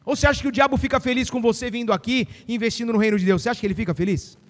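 Brief: middle-aged pastor, very high voice, emphatic sermon, big hall reverb. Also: male voice, racing. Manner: fiery, emphatic declarations with acted-out quotes.

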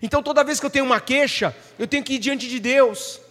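High-voiced preacher in a reverberant hall. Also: male voice, quick pace, sharp tone. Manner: emphatic, asks the congregation questions. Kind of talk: sermon.

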